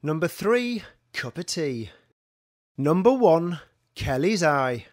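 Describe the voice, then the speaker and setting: A man's voice: fairly high pitch, sing-song, takes it slowly, dry recording, clean studio sound. A man calling bingo numbers, each one followed by its traditional rhyme in a sing-song manner. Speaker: bingo caller.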